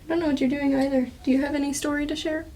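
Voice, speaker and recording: A woman hosting a casual podcast, telling animated stories about her kids. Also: sits high, rapid-fire, a little hiss or hum. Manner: animated, laughing storytelling. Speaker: podcast host, mother.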